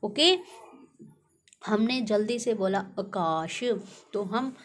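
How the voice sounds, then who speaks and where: Young woman teacher, unhurried and deliberate, spells words out letter by letter, quizzes the class. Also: mid-range voice, animated. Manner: slow, deliberate, sounding out letters one by one; asks the class questions.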